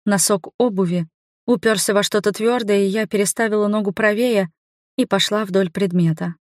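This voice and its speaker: A woman narrates a first-person fantasy audiobook at a mid pitch, building tension and suspense as she reads. The recording is dry and close, with no room sound behind her. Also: fairly even intonation, normal speed, dry recording. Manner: tense, suspenseful storytelling. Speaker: audiobook reader.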